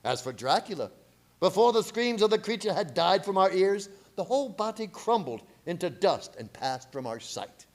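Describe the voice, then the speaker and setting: Male actor as commanding vampire hunter, radio horror: high voice, sweeping intonation, grave theatrical urgency. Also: big pitch swings, normal speed. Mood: solemn recounting. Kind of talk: radio horror drama acting with narration.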